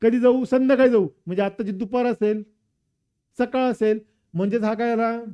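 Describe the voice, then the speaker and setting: A man's voice: very high voice, fairly even intonation, fairly quick, mellow, clean tone. A man teaching with a Marathi accent, walking through an exam paper and drilling students with repeated questions and answers. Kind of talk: exam paper walkthrough lesson.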